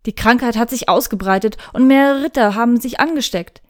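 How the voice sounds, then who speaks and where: A woman's voice: a little high, fairly quick, darkish tone, natural voice. A woman reading a storybook, voicing a young male knight who pleads urgently and anxiously.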